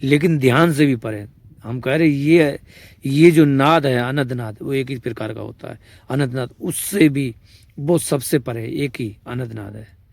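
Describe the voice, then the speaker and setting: Medium-pitched and gravelly, a man with a Braj-region Hindi accent talks at a measured pace in a dry recording. As a spiritual teacher in an informal discourse, he explains with patience, restates his points, and asks "samajh rahe hain?" to be sure listeners follow.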